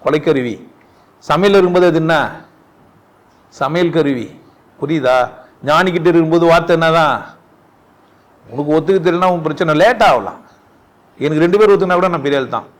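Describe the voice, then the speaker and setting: Lively man giving spiritual talk. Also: a little high, brisk, pauses often. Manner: animated, full of rhetorical questions; laughs often while talking. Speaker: spiritual teacher at a satsang.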